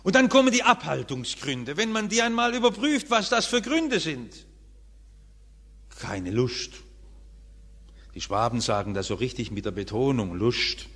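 A man preaching a sermon as pastor, emphatic, with wide swings between high raised phrases and low quiet ones. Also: very animated, fairly quick, few pauses. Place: church. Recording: church hall reverb.

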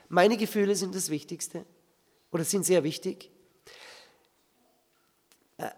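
A man's voice: high-pitched, darkish tone. A man giving a church teaching, often asking his listeners rhetorical questions. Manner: asks the audience rhetorical questions. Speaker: preacher. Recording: reverberant hall.

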